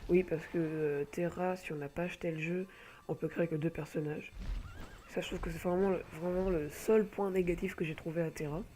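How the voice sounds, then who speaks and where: Sick with a cold, a gamer showcases an online game through his home computer mic, his voice fairly high, mellow, a little fast, and fairly even in intonation. The talk over gameplay is casual, halting, and rambling, with plenty of filler sounds.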